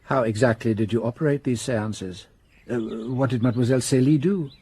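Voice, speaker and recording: A man's voice: mid-range voice, fairly quick, dark tone, breathy edge, no room sound. A man playing a shrewd, courteous police inspector who questions a witness with polite probing in a radio drama.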